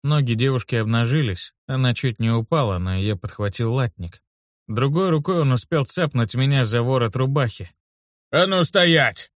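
A man reading a first-person audiobook in a steady, wry storytelling manner on a close studio mic. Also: mid-range voice, normal speed, dry recording. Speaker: audiobook narrator.

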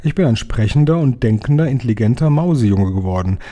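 A man's voice: medium pitch, expressive, dark tone, lightly acted. Man doing an eager young mouse-boy. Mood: worried. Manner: eager, quick questions.

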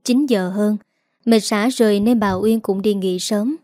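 A woman narrating a scripted audiobook in an even, steady storytelling manner. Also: medium pitch, measured pace, dry recording, clean studio sound.

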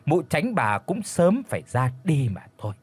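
Man doing a greedy old schemer thinking out loud, smug, husky. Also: on the high side, very animated, normal speed, no room sound. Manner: smug inner monologue.

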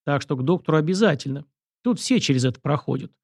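A man's voice: on the high side, expressive, quick pace, gravelly, a little mellow, no room sound, studio quality. A man voicing a firm, decisive young prince who gives orders in a commanding way.

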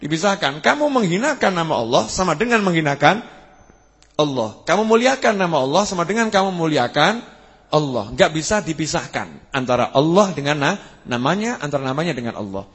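A man preaches a sermon in a husky, fairly high voice. He builds to emphatic peaks and puts questions to his listeners. His words ring with a long reverb through a large hall. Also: brisk. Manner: animated, rising to emphatic peaks, asks the audience questions.

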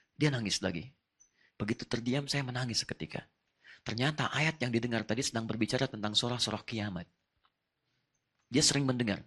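A man preaching an Islamic sermon, telling personal stories in an animated way and acting out the dialogue. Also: medium pitch, husky. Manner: animated storytelling, acts out dialogue.

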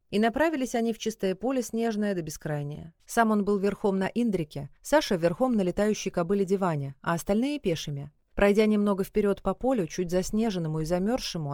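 A woman narrating a fairy tale in a measured, folk-tale storytelling cadence. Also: medium pitch, dark tone, no echo, studio quality. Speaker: audiobook narrator.

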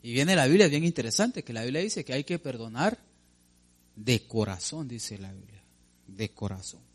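A male preacher in full sermon mode, speaking at an ordinary middle pitch. He presses his points with emphasis and keeps turning to the congregation with direct questions, addressing them as brother. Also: animated, normal speed.

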